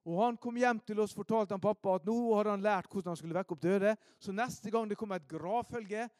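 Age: adult. Sex: man. Style: storytelling sermon, high voice, dry sound. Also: dry recording. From Norway, Ålesund. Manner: animated storyteller, swings from loud emphasis to hushed asides. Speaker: preacher.

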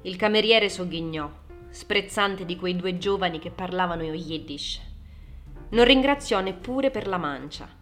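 Una donna che legge un romanzo come narratrice, con un tono calmo e regolare. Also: female voice, lowish voice, measured pace, faint music behind. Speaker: audiobook narrator. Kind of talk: scripted narration.

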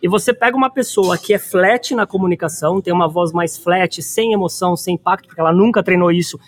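A man with a Brazilian Portuguese accent hosting a conversational interview, telling stories with energy and slowing down to stress his points. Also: high-pitched, a little hiss or hum. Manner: animated storyteller, slows down to stress points. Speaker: podcast host.

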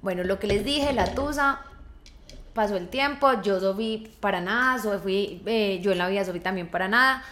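Young woman, Colombian accent, mid pitch, expressive storytelling, casual podcast chat. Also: moderate pace. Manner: expressive storyteller, quoting friends in changing voices. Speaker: podcast co-host.

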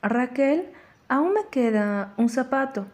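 A woman's voice: mid-range voice, lively intonation, a little slow, darkish tone, lightly acted. A woman reading an audiobook, voicing an exasperated mother who scolds and gives orders. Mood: scolding.

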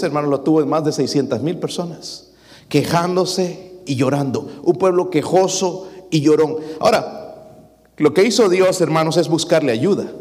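A man, preaching a lively sermon to his congregation and acting out the people he quotes. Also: fairly high pitch. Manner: lively preaching, dramatic quoted voices, addresses congregation as brothers. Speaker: pastor. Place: church hall. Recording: long reverb of a church hall.

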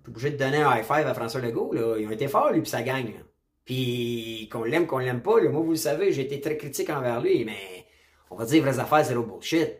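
A man with a Quebec French accent delivers a casual opinion monologue straight to camera. He is blunt and emphatic, drops English slang into his French, and keeps coming back to the same punchy catchphrases. His voice sits at an ordinary pitch and carries a noticeable room echo. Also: expressive, a little fast. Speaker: political commentator. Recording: roomy echo.

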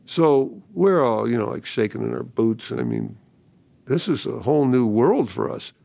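An older man recounting a personal story as an interviewee, lively and acting out the dialogue as he goes. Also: medium pitch, moderate pace, creaky, no echo.

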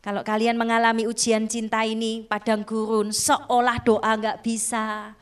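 A woman preaching a sermon, telling a moving testimony and calling out to her listeners, shifting from loud emphatic lines to soft hushed ones. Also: a little high, completely flat delivery, a little slow, clean tone. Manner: emotional storytelling, repeatedly addressing listeners as "saudaraku".

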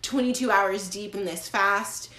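A woman in her twenties chatting casually as a podcast co-host, rambling in a neurotic, halting way with repeated words. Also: mid-range voice, sharp tone. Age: 20s. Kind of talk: casual chat. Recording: roomy, echoing sound.

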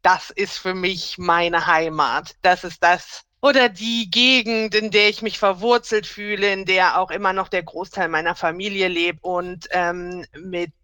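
Woman, late 30s, from the Rhineland, podcast co-host, cheerful, chatty, bright voice, dry close sound. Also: on the low side, fairly even intonation, a little slow, few pauses, clean tone, no room sound. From Rhineland, Germany. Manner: cheerful, chatty, laughs often. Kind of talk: casual podcast chat.

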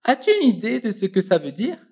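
A woman teaching a French lesson, encouraging the listener and drilling phrases slowly and precisely for them to repeat. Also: medium pitch, big pitch swings, a little mellow.

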